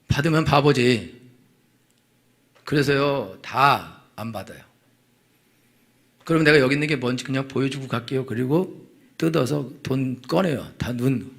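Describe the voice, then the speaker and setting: A male senior pastor preaching a Sunday sermon, animated, acting out people's dialogue as he goes. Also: medium pitch, vocal fry. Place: church sanctuary.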